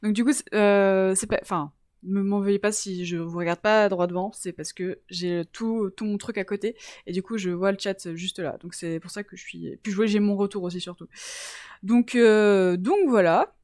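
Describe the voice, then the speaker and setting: A woman's voice: medium pitch, steady tone, moderate pace, darkish tone, no echo, clean studio sound. A woman from around Toulouse hosting a casual science live-stream, chatty and giggly, greeting viewers in the chat.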